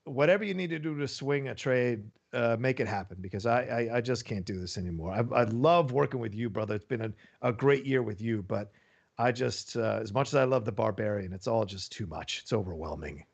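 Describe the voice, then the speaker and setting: A man leaving a voice message on a phone, speaking haltingly and earnestly with many restarts. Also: mid-range voice, creaky, dull audio.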